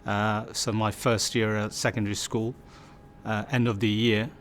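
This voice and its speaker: A community storyteller from Bangladesh, in his fifties, speaks in a fairly low, flat voice at a moderate pace, with a little hiss or hum audible. Reflecting on his own life in an interview, he leans heavily on fillers and keeps restarting his sentences.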